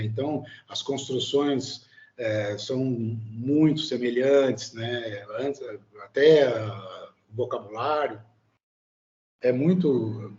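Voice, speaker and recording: A Brazilian man who immigrated to Italy speaks as a guest in a casual interview, hesitant and full of fillers and tag questions. He has a Brazilian Portuguese accent and a mellow, mid-range voice, and the audio sounds dull.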